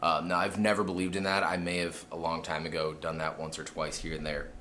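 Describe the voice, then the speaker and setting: A man's voice: low-pitched, level tone, fairly quick, pushed and bright, a little hiss or hum. A man, a musician, talking to camera in a laid-back, straightforward vlog. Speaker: musician vlogger. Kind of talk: casual vlog talk.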